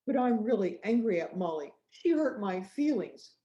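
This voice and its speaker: A woman's voice: medium pitch, sing-song, normal speed, mellow, reverberant, muffled recording, voice pushed up, close to an everyday voice. A woman voicing an earnest little girl in a storybook, speaking in a childlike, pleading way. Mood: upset.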